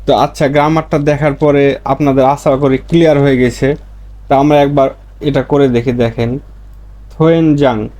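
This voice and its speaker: A man's voice: mid-range voice, dark tone. A man teaching Korean grammar, explaining each word and then repeating it in his own language. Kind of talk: explaining lessons.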